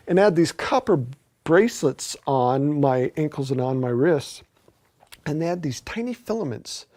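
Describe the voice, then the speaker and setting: A man's voice: mid-range voice, dark tone. A man earnestly recounting a personal experience as an interviewee, with emphatic storytelling.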